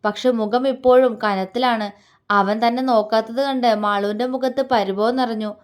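Woman storyteller, high voice, soft gentle reading of a love story. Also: fairly even intonation, normal speed. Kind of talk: romance story narration.

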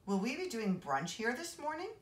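A woman's voice: a little high, very animated, normal speed, pitched above the performer's own voice. A woman reading aloud, voicing a smarmy, falsely polite schoolboy. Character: smarmy, sucking-up rich schoolboy. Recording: roomy echo.

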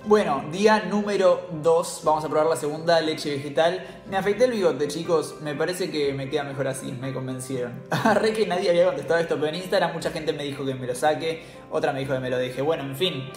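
A man's voice: a little high, a little fast, hardly any pauses, roomy sound, soft background music. A man with an Argentine accent hosting a casual tasting vlog, chatty and slangy, laughing often. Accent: Argentine Spanish. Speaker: cooking channel host.

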